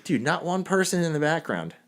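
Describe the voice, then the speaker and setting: A man co-hosting a podcast in casual chat, animated and swearing casually, with swings between loud and quiet. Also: a little high, a little fast. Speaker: podcast co-host.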